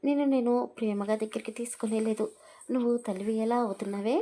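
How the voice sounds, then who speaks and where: A woman voicing a young husband who talks to his wife in a gently teasing, amused way. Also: on the high side, steady tone, quick pace, lightly acted.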